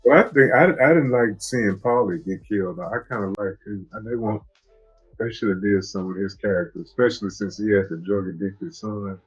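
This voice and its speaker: Husky and on the low side, this man talks fairly quickly over a lo-fi recording with faint music behind him. He's a relaxed co-host on a TV discussion show, chatting casually about a drama and often starting his sentences over.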